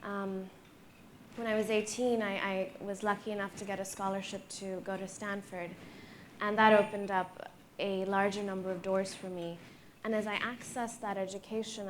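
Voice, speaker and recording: A young woman who grew up in Pakistan, speaking as a guest in an onstage panel discussion, earnest and measured with frequent fillers. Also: medium pitch, a little hiss or hum.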